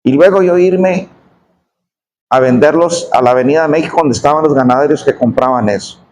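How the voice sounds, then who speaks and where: A middle-aged man telling a testimony in a sermon, his voice dropping low and slow on painful memories. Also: darkish tone, poor audio. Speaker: preacher giving testimony.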